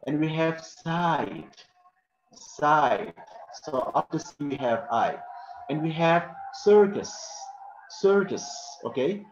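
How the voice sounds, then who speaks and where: At a classroom board, an English teacher gives a pronunciation lesson, repeating every example word twice and asking "okay?" after each point. His voice is on the high side and animated, his pace slow, and the roomy, dull recording carries a little hiss or hum.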